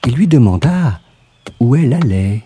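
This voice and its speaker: A man's voice: mid-range voice, noisy background. A man reading a fairy tale aloud as a storyteller. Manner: slow, lively storybook narration. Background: soft music.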